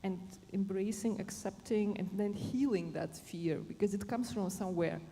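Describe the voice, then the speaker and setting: Mellow woman from Germany, echoey hall. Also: mid-range voice. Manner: halting, searching for words. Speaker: panel speaker on positive psychology. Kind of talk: unscripted panel explanation. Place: conference stage in a large hall. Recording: echoey hall, faint background noise.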